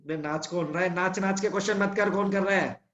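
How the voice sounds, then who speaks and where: A high-voiced man teaching chemistry over an online class, blunt and teasing with his students. His voice booms back with a cave-like echo from the room. The sound is dull and muffled. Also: steady tone, a little fast, a bit bright. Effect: echoing voice, like in a cave. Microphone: no earphones, device mic.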